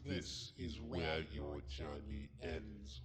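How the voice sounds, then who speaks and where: A man voicing a menacing demon, his voice pitch-shifted into low and high layers that are stacked together, speaking slowly and ominously. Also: exaggerated voice. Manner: slow, ominous, threatening. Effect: pitch-shifted layered demonic voice, low and high copies stacked.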